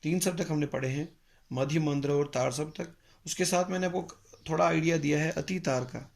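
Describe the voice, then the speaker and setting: A man teaching a music lesson, explaining slowly and patiently with pauses and mixing in English phrases. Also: on the high side, steady tone, vocal fry. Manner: mixes English phrases into Hindi. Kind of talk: spoken lecture.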